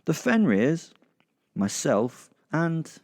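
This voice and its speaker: Stretching out his words in a sing-song lilt, this man speaks with a fairly high pitch and a somewhat dark tone. He performs a first-person horror comedy audio drama in character, gleeful, sarcastic and foul-mouthed throughout.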